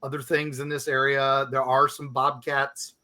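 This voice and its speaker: Casual and filler-heavy, this man co-hosts a podcast and reads out letters from listeners. He speaks at a normal speed in a medium pitch that barely moves, and his voice sounds pushed and bright.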